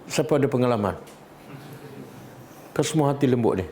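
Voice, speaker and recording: A man's voice: medium pitch, expressive, a little fast, warm tone, a little hiss or hum. A man with a Malaysian Malay accent teaching a Quran study class, often asking the audience questions and repeating key words. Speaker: religious teacher.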